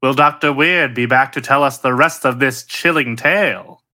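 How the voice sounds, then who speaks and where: A man's voice: medium pitch, normal speed, sharp tone. A man narrating dramatically as an old radio announcer.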